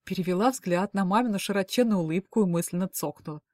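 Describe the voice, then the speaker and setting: A woman's voice: medium pitch, quick pace, dark tone, no echo, clean studio sound. A woman telling an audiobook story in the first person. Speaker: audiobook narrator. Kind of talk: audiobook narration.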